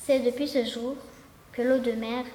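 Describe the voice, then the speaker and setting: A woman tells a fairy tale in a high, soft voice, taking her time with each sentence. The recording sounds roomy, with a long reverb hanging after her words. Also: steady tone, moderate pace. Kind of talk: storybook narration. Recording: echoey room with long reverb.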